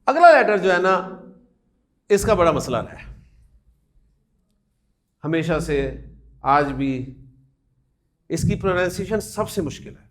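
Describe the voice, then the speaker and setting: Guy w teaching arabic letters to a class, kinda high voice, says each letter slow then quizzes everyone. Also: very animated. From Pakistan. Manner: repeats letters aloud slowly, asks the class questions; sprinkles Urdu with English words, friendly teaching tone. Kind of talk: classroom lesson on the Arabic alphabet.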